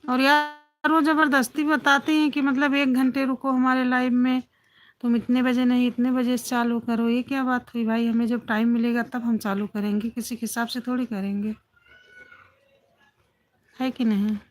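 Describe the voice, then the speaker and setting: A woman chats casually with viewers on a phone livestream, greeting each one by name. Her voice sits slightly high. She keeps the talk going with repeated little affirmations. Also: level tone, normal speed. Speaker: livestream host. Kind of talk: casual chat with live viewers.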